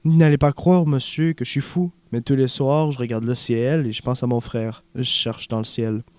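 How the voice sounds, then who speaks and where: A man's voice: medium pitch, steady tone, normal speed, darkish tone, no room sound, lightly acted. A man reading as a haunted young refugee actor. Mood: haunted, earnest.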